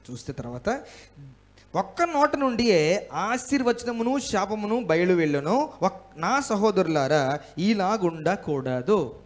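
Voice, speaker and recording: A male pastor from India preaching a sermon in church. He speaks emphatically, asks the congregation questions and has them repeat lines after him. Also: high-pitched.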